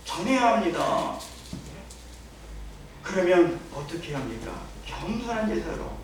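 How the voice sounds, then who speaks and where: A man's voice: high-pitched, very echoey. Male pastor, storytelling preacher who keeps asking rhetorical questions, recorded from a distance in a church, faint hiss behind. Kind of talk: sermon. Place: church sanctuary.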